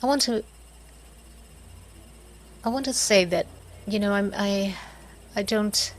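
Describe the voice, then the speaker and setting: A middle-aged woman speaking in a halting, reflective way, pausing often and letting out soft laughs and sighs. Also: mid-range voice, a little hiss or hum, poor audio. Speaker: host of a reflective video series. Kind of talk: slow personal reflection.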